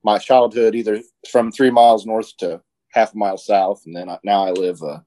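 A man's voice: lowish voice, fairly even intonation, normal speed, warm tone. A man from Indiana, a guest in a casual chat, talking hesitantly with many restarts. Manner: hesitant, many restarts and fillers, laughs often. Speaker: podcast guest.

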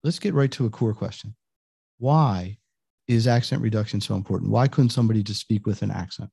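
A man's voice: lowish voice, brisk, creaky, mellow, husky, dry recording, clean studio sound. A man hosting an interview, rambling with frequent fillers and restarts. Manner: rambling, hesitant, many fillers. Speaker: host. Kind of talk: casual interview talk.

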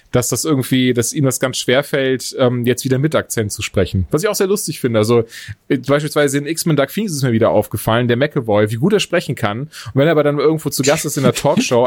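A man hosting a podcast, chatting casually about films in an animated, digressive way full of quick asides. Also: mid-range voice, no echo, clean studio sound. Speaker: podcast host reviewing films. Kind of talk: casual chat.

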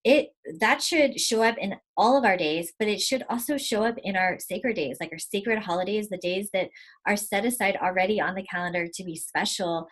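A woman, talking casually as a guest, animated and laughing often as she acts out quotes. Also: medium pitch, normal speed. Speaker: podcast guest. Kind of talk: casual conversation.

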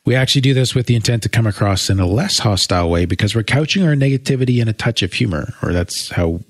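A man co-hosting a podcast, explaining things in a thoughtful, measured way with long winding sentences. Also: lowish voice, lively intonation, dry recording, clean studio sound. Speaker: co-host. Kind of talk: casual explanatory chat.

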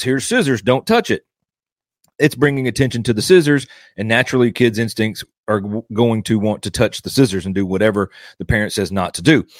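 A man's voice: mid-range voice, no room sound. Dry-sounding man critiquing a clip. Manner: critical, explanatory, repeats points. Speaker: podcast host critiquing a sermon. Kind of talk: commentary on a played clip.

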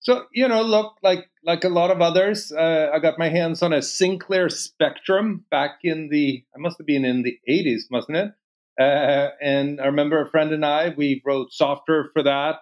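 A man in his fifties from Sweden, answering interview questions in a relaxed way with many pauses. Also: fairly high pitch, low-quality recording. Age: 50s. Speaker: guest.

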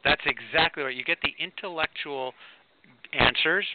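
A man's voice: fairly high pitch, moderate pace. A man speaking earnestly and emphatically in a conversational talk, like a coach. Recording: tinny phone-like audio with faint noise.

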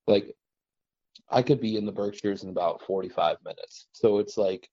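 In a casual trapping conversation, a western Massachusetts man hosting a podcast rambles in a relaxed way, dropping many "like" and "you know" fillers. His husky voice sits on the low side at normal speed, recorded with no echo and with the highs cut off.

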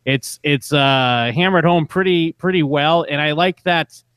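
A man's voice: on the high side, measured pace, a bit bright, clean tone, no room sound. A man co-hosting a casual podcast about a TV show, talking hesitantly with lots of fillers and restarts. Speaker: podcast co-host. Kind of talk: casual chat reviewing a TV show.

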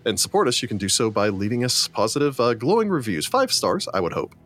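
A man's voice: mid-range voice, sing-song, fast talker, a bit bright, soft background music. A man hosting a tabletop game podcast, chatting loosely with many fillers while thanking patrons. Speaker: podcast host. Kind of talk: casual outro chat and patron thanks.

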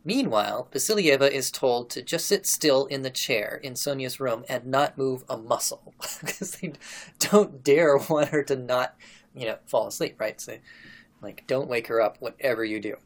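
A man's voice: mid-range voice, normal speed. A man hosting a casual podcast, retelling a memoir and reading passages aloud, laughing often. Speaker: podcast host.

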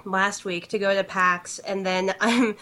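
A woman's voice: mid-range voice, fairly even intonation, measured pace, sharp tone. A woman co-hosting a podcast in casual chat, giggly and loose, peppering her talk with filler words. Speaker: podcast co-host.

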